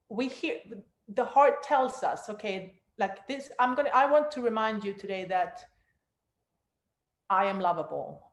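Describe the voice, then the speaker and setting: Echoey-room woman leading guided meditation. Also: mid-range voice. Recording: roomy, echoey room sound.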